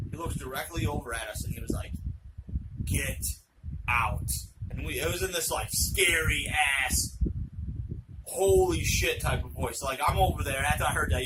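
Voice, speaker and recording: Excitable man telling a tale over loud noise. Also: on the high side. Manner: excitable, profane, rambling with asides. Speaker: channel host telling a true story. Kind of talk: casual spoken storytelling. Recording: loud background noise with clicks.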